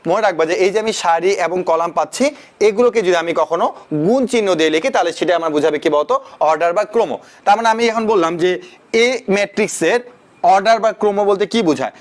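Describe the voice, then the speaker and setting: A young man with a high, light voice runs a math lesson with a Bangladeshi Bengali accent. He keeps asking the students rhetorical questions and drops in English words as he explains. His delivery is quick and chatty. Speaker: math tutor. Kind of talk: online class lecture.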